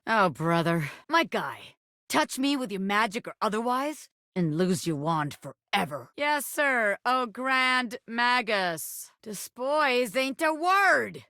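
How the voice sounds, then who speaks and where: A brash female ex-gangster hairpin in a video game, with a bright, forceful voice. She is a sassy, wisecracking scammer who slings old-time slang, and her highish pitch swings around in lively fashion. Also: slow, no echo, clean studio sound, exaggerated voice. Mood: sly, wisecracking. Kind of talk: video game character voice acting.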